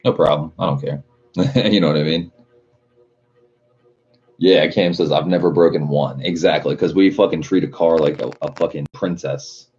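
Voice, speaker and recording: Husky and rumbling low, the man speaks at a normal speed while hosting a car livestream, answering viewers casually in frat-bro style, full of "dude" and curse words. Loud music plays under the muffled audio.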